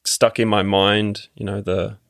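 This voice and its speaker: A man's voice: on the low side, little pitch movement, measured pace, gravelly, fairly bright tone, no echo, studio quality. A man with an Australian accent, a podcast guest chatting casually and hesitantly, with many ums and restarts. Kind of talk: casual interview chat.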